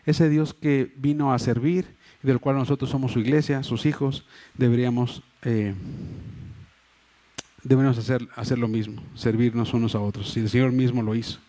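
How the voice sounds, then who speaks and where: Steady in tone and moderate in pace, this man's mellow voice sits at medium pitch. He is a pastor giving a sermon in a church hall over a livestream mic, speaking with a Mexico City Spanish accent. His earnest explanations are full of fillers and restarts.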